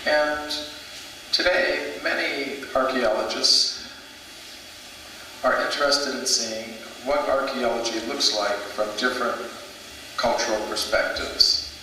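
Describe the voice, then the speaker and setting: A man's voice: mid-range voice, fairly even intonation, slow, pushed and bright. Male lecturer in a very echoey hall. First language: English. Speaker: lecturer, researcher in history of archaeology. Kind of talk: public lecture in short phrases, pausing for interpreter. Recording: echoey hall, distant mic, noisy.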